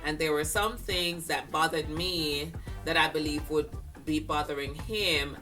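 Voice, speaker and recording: An older Jamaican-accented fashion vlogger chats to camera in a rambling way, full of fillers and laughs, her voice a bit stuffy from congested sinuses. She speaks low, steady, sharp and unhurried, far from the mic with faint music behind.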